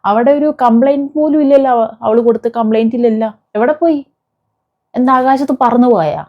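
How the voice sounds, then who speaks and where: A woman with a Kerala Malayalam accent, speaking a little high and fairly quickly, offers indignant, informal video commentary. She scolds viewers and poses rhetorical questions. The lo-fi recording sounds dull and muffled.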